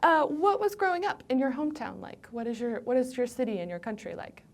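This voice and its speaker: A woman interviewing, asking questions gently and rephrasing them to help the speaker understand. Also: high-pitched, sing-song, a little fast. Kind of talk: oral history interview.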